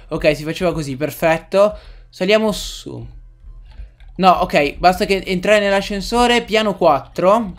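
Excitable high-voiced young man gaming. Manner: excitable, yells and swears at the game. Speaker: gaming let's-player. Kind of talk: casual gameplay commentary.

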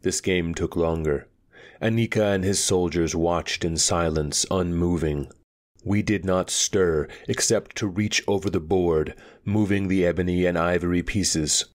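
A male storyteller reads a dark fantasy tale in steady, measured narration. His voice is very deep, and he takes his time over each line. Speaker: audiobook reader.

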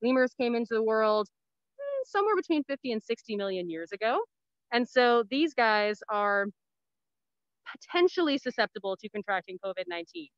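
A woman gives an informal educational tour through a face mask. Her voice is fairly high and smooth, with plain-worded explanations. It comes over a dry, slightly dull video-call connection. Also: big pitch swings, normal speed, no room sound. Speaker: animal care educator giving a virtual tour. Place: outdoors in woodland, on a video call.

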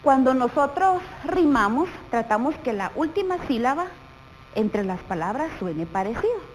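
A woman teacher with a Guatemalan Spanish accent, explaining a lesson to young pupils slowly and patiently, often asking them questions. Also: high-pitched, sing-song, slight background noise, rough recording. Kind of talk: televised primary school lesson.

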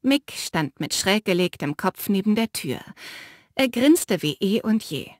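A woman narrating a fantasy audiobook in the first person with measured, expressive storytelling on a close studio mic. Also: medium pitch, no room sound.

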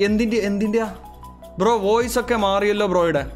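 A man's voice: high-pitched, quick pace, soft background music. A man from Kerala on a casual live stream, chatting and answering viewers as bro over a calibrated streaming mic. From Kerala, India. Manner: chatty, greets viewers and answers chat, calls them bro.

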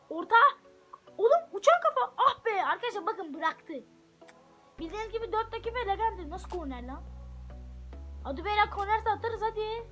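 A woman casually commentating her soccer video game at home, chatting to viewers and shouting at her players when the action heats up. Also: very high-pitched. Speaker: gaming channel host. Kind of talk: live gameplay commentary. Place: room at home.

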